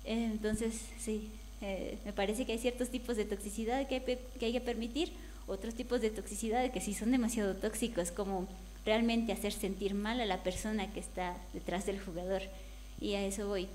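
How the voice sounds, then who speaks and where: A woman speaks candidly in a panel discussion, even in pitch, conversational, now and then lively as she quotes others. A faint hum sits under her voice. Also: normal speed. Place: event hall.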